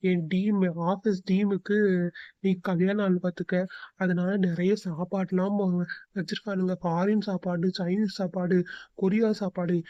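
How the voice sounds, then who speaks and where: A woman's voice: medium pitch, no echo, lightly acted. A woman voicing a husband who coaxes his wife to come along with him. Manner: coaxing, pleading. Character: adult husband, coaxing and secretive. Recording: dull, muffled close recording.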